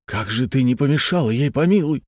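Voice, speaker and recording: A man voicing an agitated gentleman who asks anxious, urgent questions. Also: mid-range voice, lively intonation, brisk, no echo, pitched above the performer's own voice, close to an everyday voice.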